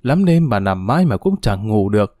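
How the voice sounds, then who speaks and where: A man's voice: on the low side, big pitch swings, moderate pace, dark tone, no room sound, studio quality. A man voicing a frail, sick old grandmother who scolds and grieves between coughs. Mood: gentle.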